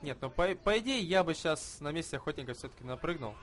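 A man's voice: on the high side, lively intonation, quick pace, a bit bright. A man giving casual live commentary on a video game match as one of its casters.

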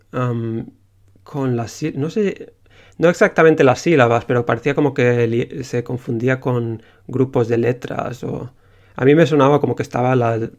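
A man's voice: mid-range voice, darkish tone. A young man with a Spain Spanish accent, an indie game developer telling casually how he made his game, rambling with many fillers.

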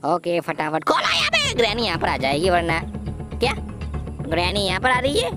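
A man's voice: high-pitched, wildly swooping pitch, normal speed. A cheeky cartoon boy. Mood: playful. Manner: laughs a lot, teasing and over-dramatic. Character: cheeky playful boy hiding from a granny. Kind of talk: Hindi cartoon gameplay voice-over. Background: background music.

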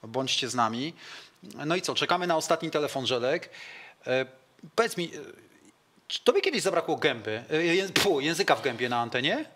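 A male host with a Polish accent runs a lively call-in sports show. His voice sits a touch high and rings bright and forceful. He tells stories with animation. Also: fairly quick. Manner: animated storyteller who acts out other people's lines. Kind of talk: lively studio chat with callers.

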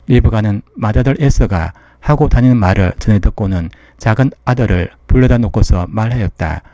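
A man giving a steady, measured reading of scripture, voicing every part in his own plain voice. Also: fairly low pitch, dry recording. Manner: even, measured reading of all parts without acting voices. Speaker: Bible reader.

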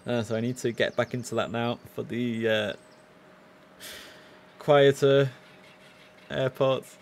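A young man in a headset plays an air traffic control game on stream from his home desk, talking casually to chat between clipped radio calls. He speaks slowly in a gravelly, mid-range voice with fairly even intonation.

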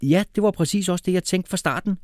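A man's voice: sits high, darkish tone, no room sound, clean studio sound, pitched above the performer's own voice, lightly acted. A man voicing a muddled, cheerful uncle who hesitates a lot. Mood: bumbling. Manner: hesitant, lots of "øh".

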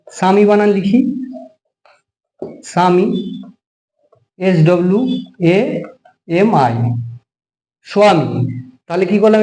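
A man's voice: high-pitched, a little mellow, reverberant, poor audio. A man teaching a grammar lesson, explaining patiently and repeating words for emphasis.

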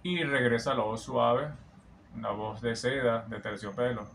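A male vocal coach talks through a song in an admiring, explanatory manner, breaking down breath control and technique. A song with guitar plays loudly behind his voice. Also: mid-range voice, steady tone, measured pace, gravelly. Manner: admiring, explanatory, often sings snippets back. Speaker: vocal coach analyzing a singer. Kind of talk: reaction and vocal analysis commentary. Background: song playing in the background.

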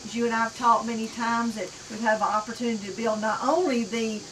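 A woman's voice: a little high, fairly even intonation, fast. A middle-aged woman, a college president, speaking articulately as a guest on a cooking show with some fillers. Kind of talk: casual interview chat. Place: outdoor patio set with garden. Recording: distant mic, faint outdoor noise.

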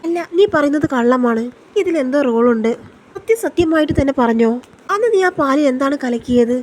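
Angry young guy making threats, high-ish voice, as a lady reads him out. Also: expressive, a little fast. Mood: furious. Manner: shouting demands and threats. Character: furious young man confronting his cousin.

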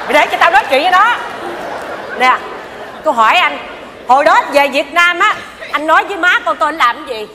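An actress playing a sharp-tongued older mother-in-law, scolding her son-in-law in a live stage comedy. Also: sits high, expressive, crowd noise. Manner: scolding, indignant, quick retorts. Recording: live stage, hall reverb, audience noise.

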